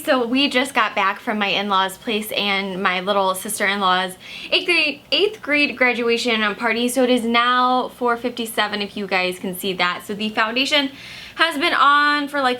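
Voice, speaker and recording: Bright-voiced chatty young woman vlogger. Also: on the high side, normal speed. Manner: chatty, filler-heavy with many "like"s. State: slightly hoarse, just woken from a nap. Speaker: makeup vlogger. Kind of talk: casual video check-ins.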